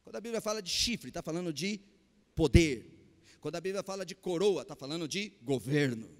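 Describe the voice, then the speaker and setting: Man, Brazilian Portuguese accent, preacher, Sunday sermon, high voice, very lively pitch, calls questions to the congregation, long church reverb. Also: fairly quick. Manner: calls out to the congregation with repeated questions, swings between loud and hushed. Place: church hall.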